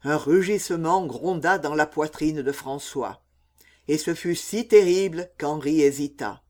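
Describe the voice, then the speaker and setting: A man reading a historical adventure novel aloud in a measured, dramatic way. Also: fairly high pitch. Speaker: audiobook reader. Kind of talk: scripted narration of a historical novel.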